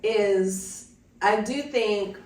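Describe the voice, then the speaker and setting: A woman's voice: mid-range voice, drawn-out words, darkish tone. Woman, fifties, from Jamaica, reflective storyteller, distant, echoey room. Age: 50s. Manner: reflective, storytelling with many "like" fillers. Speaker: podcast co-host. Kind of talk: casual conversation. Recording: roomy sound from a distance.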